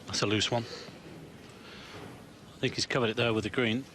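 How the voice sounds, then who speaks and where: A man's voice: medium pitch, steady tone, normal speed. A man giving snooker commentary as a co-commentator, analysing the shots. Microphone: commentary microphone. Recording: noisy arena with crowd sound. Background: crowd and arena noise.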